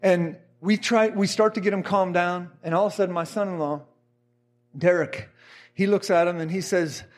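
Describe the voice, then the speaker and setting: A middle-aged man preaching, telling a story with animated energy and acting out the voices of the people in it. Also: sits high, normal speed. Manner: animated, acts out quotes of others. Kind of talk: sermon storytelling.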